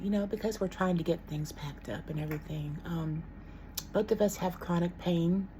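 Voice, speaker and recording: A middle-aged woman talks casually to her camera at home. Her voice sits a little low and has a mellow, warm tone. She rambles frankly, with plenty of ums and false starts, and a faint hum of room sound lies underneath. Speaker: vlogger.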